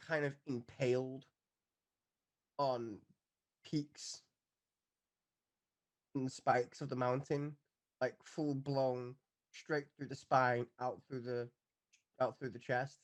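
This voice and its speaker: A man's voice: medium pitch, flat delivery, extremely slow, pauses often. A man narrating as dungeon master, giggly and hesitant with lots of fillers. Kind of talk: narrating a tabletop game.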